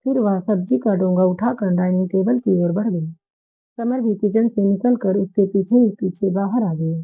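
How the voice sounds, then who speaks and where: A woman storyteller reading a romance story aloud in a steady, even narration. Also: mid-range voice, normal speed, husky, dry recording. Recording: phone-like narrow band audio.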